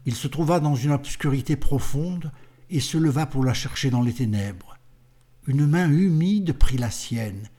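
A man narrating a literary audiobook in a measured, unhurried manner. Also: medium pitch, mellow.

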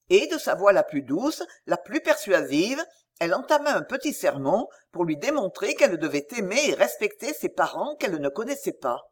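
A woman narrating a novel aloud as an audiobook, with expressive storytelling. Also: medium pitch, slightly rough.

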